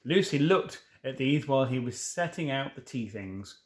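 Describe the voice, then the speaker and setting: A man with a medium-pitched, expressive voice reads a children's novel aloud at a moderate pace. He trips over words now and then, corrects himself, and drops in casual asides.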